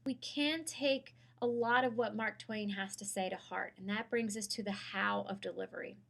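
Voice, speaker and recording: A woman, a public speaking instructor giving a clear, measured course lecture. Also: medium pitch, fairly even intonation, a bit bright.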